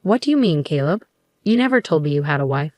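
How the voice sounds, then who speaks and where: A woman's voice: sits low, big pitch swings, quick pace, a little mellow, no room sound, clean studio sound. A woman voicing a young girlfriend who has just found out she was deceived, her voice trembling with hurt.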